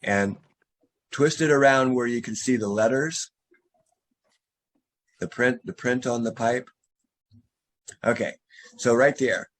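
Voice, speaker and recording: A man's medium-pitched voice moves slowly, pausing often, as he explains materials to a homeowner by video call. He's a drainage contractor who is losing his voice, and he lays things out step by step, restarting and using fillers in this remote consultation.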